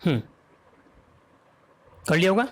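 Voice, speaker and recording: Indian male tutor, slightly high voice, patient spelling-out delivery, constant check-ins with students. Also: sing-song. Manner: explains slowly, spells words letter by letter, asks "ok?" and "है ना?" often. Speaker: English grammar teacher. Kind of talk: exam-prep vocabulary lesson in Hindi with English words.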